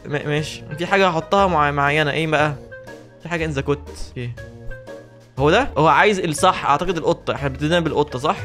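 A gaming video host with an Egyptian Arabic accent delivers let's play commentary on his horror game, words pouring out in a slightly high voice. Excitable and jokey, he talks back to the on-screen characters over faint music.

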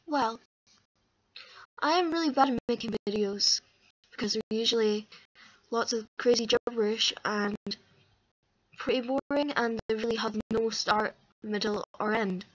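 A young adult woman vlogs from a small, dim indoor room, rambling casually and poking fun at herself into a close-up webcam or laptop mic. Her crackly voice is a little high, with a measured pace and long pauses.

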